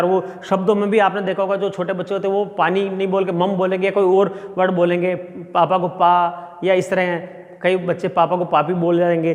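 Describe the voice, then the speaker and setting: Lecturing man in a reverberant room. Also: high-pitched. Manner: explains step by step with everyday examples. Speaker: sociology professor. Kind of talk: classroom lecture. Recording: long reverb.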